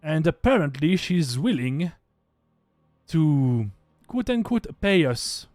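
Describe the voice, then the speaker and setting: A man voicing a solemn, wary woman who guards the clans, speaking slowly and with hesitant pauses. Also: on the high side, sing-song, darkish tone, no room sound, soft background music. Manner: slow, measured, hesitant.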